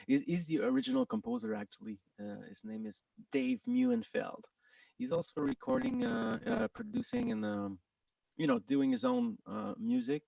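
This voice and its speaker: A man with a French-Canadian accent, a guest talking casually in an interview, halting with many restarts and quick laughs. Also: high-pitched, creaky, a little mellow, no echo, recorded from a distance. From Quebec, Canada.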